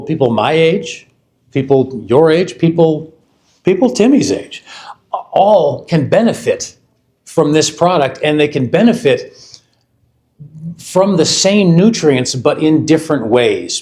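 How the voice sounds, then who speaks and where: A man in his fifties giving a product launch talk to an audience, halting and repeating words, putting questions to the crowd. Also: fairly high pitch, a little mellow. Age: 50s. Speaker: company vice president presenting a product. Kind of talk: live product launch presentation. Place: event hall before an audience.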